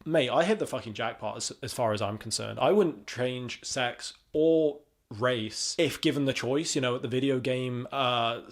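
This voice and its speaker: A man's voice: medium pitch, moderate pace, few pauses. A young man hosting a casual commentary, talking in a rambling, sarcastic way and swearing freely. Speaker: commentary host.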